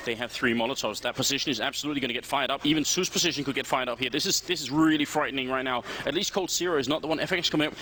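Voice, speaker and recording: A man's voice: a little high, slight background noise. A man giving running commentary on a match as an esports caster. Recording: loud game gunfire behind voice. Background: gunfire from a video game.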